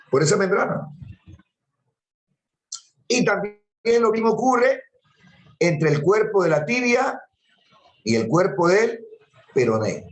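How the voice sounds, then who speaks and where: A man's voice: fairly high pitch, reverberant, rough recording. A man teaching an anatomy class, patiently repeating terms and quizzing his students. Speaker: anatomy lecturer. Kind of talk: classroom lecture.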